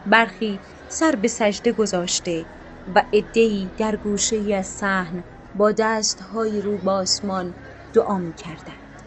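A woman narrating a scripted story in a calm, measured, literary way. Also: mid-range voice, a little hiss or hum.

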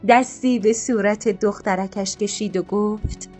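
A woman reads a storybook in a calm, measured voice at a mid pitch. Her delivery is even and literary. Faint music plays underneath. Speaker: narrator. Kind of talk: scripted storybook narration.

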